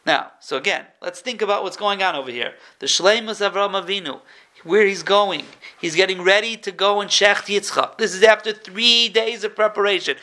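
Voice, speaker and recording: A man teaching a Torah class in an animated way, acting out the quotes he tells. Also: high voice, moderate pace.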